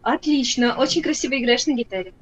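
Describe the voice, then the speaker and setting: A young woman in her twenties speaking with a Polish accent, calm and matter-of-fact. Her voice sits a little high. The sound is dull and lo-fi, as if from a cheap webcam mic. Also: quick pace. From Poland. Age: 20s. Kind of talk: casual video chat. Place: home kitchen. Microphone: webcam video call.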